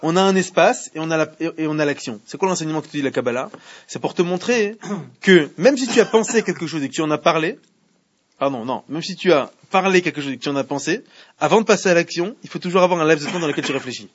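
A man's voice: a little high, animated, quick pace. A man teaching a Torah class to students, often asking them questions and repeating himself as he explains. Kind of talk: Torah class in French with Hebrew readings. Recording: muffled lo-fi classroom recording.

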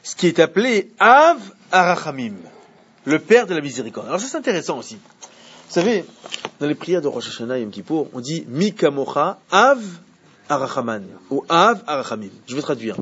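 Un homme qui donne un cours de Torah de façon animée et pose des questions à ses élèves. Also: male voice, on the high side, moderate pace, husky, highs cut off. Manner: animated, asks the class questions. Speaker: Torah teacher. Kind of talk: Torah class.

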